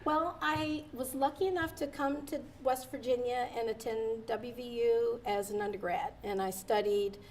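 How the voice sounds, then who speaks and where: A woman in her forties, an attorney and judicial candidate raised in Delaware, USA, answers interview questions earnestly with many ums and uhs. Her fairly high voice stays steady at a normal speed with few pauses, over slight background noise.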